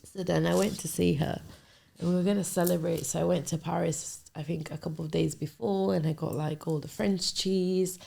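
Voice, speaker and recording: A young woman in her twenties shares a personal story on her podcast, speaking candidly and hesitantly. Her voice sits low and carries a strong gravelly fry. The tone is warm and husky. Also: fairly even intonation, moderate pace. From Nigerian family. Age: 20s. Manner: candid, hesitant, trails off and restarts. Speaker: podcast host. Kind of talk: personal storytelling, casual confessional.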